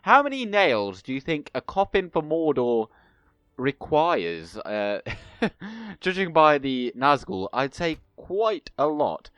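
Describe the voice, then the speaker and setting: A young gaming host with a cold speaks through a blocked nose, rambling casually and often correcting himself as he plays a strategy game. His voice is a little high and a bit bright, with huge pitch swings, and he takes it slowly. The recording is dry and muffled.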